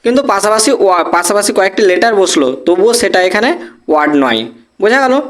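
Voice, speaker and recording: Patient teacher, explaining grammar step by step, mid-pitched voice, repeats examples slowly. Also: animated, fairly bright tone. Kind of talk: Bengali-language English grammar lesson.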